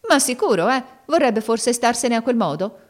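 A woman's voice: medium pitch, expressive, a little fast, natural voice. A woman reading an audiobook, voicing a brash, mocking maidservant of fifty who talks impatiently and brusquely.

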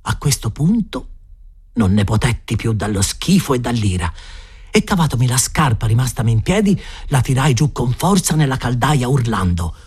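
A man giving an expressive storybook narration as an audiobook reader. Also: mid-range voice, moderate pace, husky. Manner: lively and animated. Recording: faint background music.

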